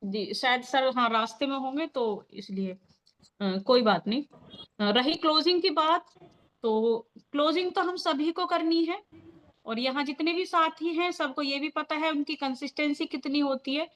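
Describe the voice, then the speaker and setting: A woman's voice: high voice, normal speed, fairly bright tone. A woman leading a motivational training meeting on a video call, talking in an earnest, firm and encouraging way. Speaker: meeting leader.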